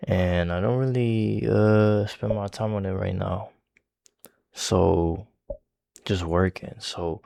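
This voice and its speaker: A man's voice: deep voice, creaky, a little mellow, no echo, studio quality. A young man rambling casually as a music reaction host, talking with a slight lisp from his retainers and swearing often.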